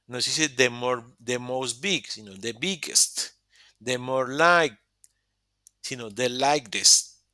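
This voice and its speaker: A male teacher speaks into a video call with a bright, forward tone and a close, completely dry sound. He explains patiently, breaks off and corrects himself mid-sentence, then carries on. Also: mid-range voice, no echo. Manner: explains step by step with many restarts and self-corrections. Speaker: English teacher. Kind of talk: live online class explanation.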